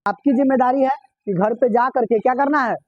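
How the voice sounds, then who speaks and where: A man's voice: extremely high pitch, fairly quick, no room sound. A male teacher giving a classroom vocabulary lesson, asking the class questions, repeating the answers and spelling words out letter by letter. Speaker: English teacher. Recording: dull, dry lo-fi recording.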